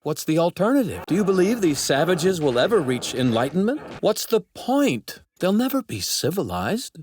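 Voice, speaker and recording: A male dub actor plays a haughty young apprentice of the divine, speaking in precise, pompous, formal phrases full of cold scorn for mortals, here with impatient contempt. His high voice is very animated at normal speed, heard over a noisy background.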